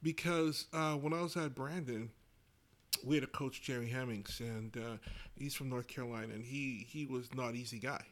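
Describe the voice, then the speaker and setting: Man, former coach, from canada, reflective, rambling, mid pitch. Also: steady tone, normal speed, a bit bright. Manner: reflective, rambling with many fillers. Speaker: former basketball coach, guest. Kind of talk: casual conversation.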